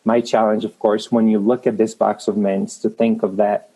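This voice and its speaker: Rough recording quality captures a man in his thirties from the Czech Republic, Czech-accented, with a lowish, mellow voice, level tone and normal speed. As a guest creative manager in an interview, he talks motivationally, earnest and encouraging, with frequent restarts.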